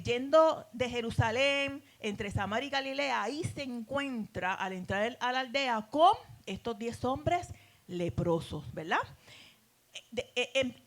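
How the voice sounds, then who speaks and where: A middle-aged woman teaching a Bible class in a preacherly way, addressing listeners as beloved and asking them rhetorical questions. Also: a little high.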